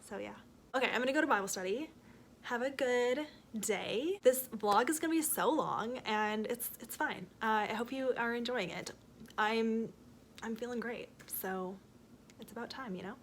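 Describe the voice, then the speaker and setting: Sitting in a rocking chair at home, this young Canadian book vlogger talks about her reading in a loose, rambling way, full of fillers and corrections of herself. She has a Canadian accent and a fairly high-pitched voice at normal speed, with slight background noise.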